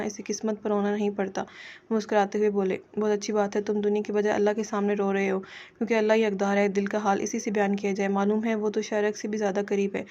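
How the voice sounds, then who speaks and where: A woman reading a romance novel aloud in a steady, even voice, with some stumbles over words. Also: medium pitch, highs cut off. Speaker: novel narrator.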